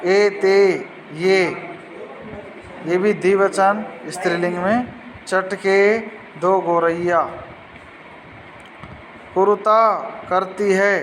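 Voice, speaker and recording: A man's voice: high voice, a bit bright, in a large hall, a little hiss or hum, low-quality recording. A man teaching a Sanskrit lesson, patiently explaining words and asking pupils questions.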